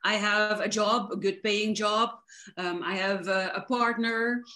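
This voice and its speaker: A woman's voice: mid-range voice, steady tone, unhurried, pushed and bright. A woman from the Netherlands, a coach explaining her work fluently and enthusiastically in an interview. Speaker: guest, coach. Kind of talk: casual interview.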